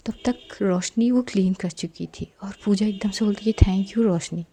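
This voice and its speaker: A woman narrating a spoken love story in a soft, half-whispered telling, and signing off to listeners. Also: mid-range voice, moderate pace, slightly rough.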